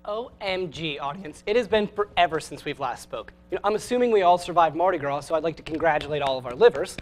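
A young man with a fairly high voice hosts a scripted comedy news show. He reads his jokes with a dry, sarcastic edge. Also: lively intonation, quick pace, soft background music. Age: young adult. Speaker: host.

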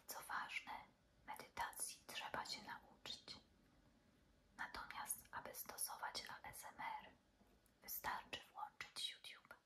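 A woman reads an article aloud in a soft, breathy, unvoiced ASMR whisper, slow and soothing, as if for bedtime.

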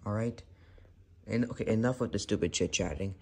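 A man with a low, creaky voice talks fairly quickly while hosting a toy car elimination series at home. He lists names one after another in a loose, chatty play-by-play and keeps correcting himself.

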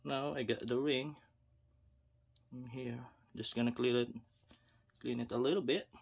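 A fishing video host talks slowly while repairing a rod at a wooden table indoors, giving casual how-to narration as he works. His mid-range voice is steady, gravelly and husky, and the audio is dull. He is unhurried, talks to himself with pauses and calls viewers "guys."

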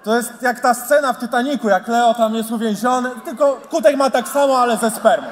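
A man delivering jokes at a stand-up roast, slowing into dry, flat asides. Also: very high voice, in a large hall, slight background noise. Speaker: roast comedian.

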